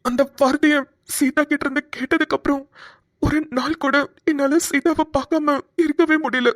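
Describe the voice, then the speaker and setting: A woman voicing a timid, lovesick young man in a cartoon, talking softly and hesitantly. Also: high-pitched, steady tone, normal speed, no room sound, studio quality, natural voice. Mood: wistful. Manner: soft, hesitant, pleading. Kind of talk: cartoon voice acting.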